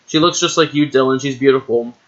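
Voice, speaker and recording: A man voicing a shy, blushing teen boy, reading the lines flat. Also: mid-range voice, a little fast, close to an everyday voice. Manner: flat read-aloud delivery. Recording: dull lo-fi recording.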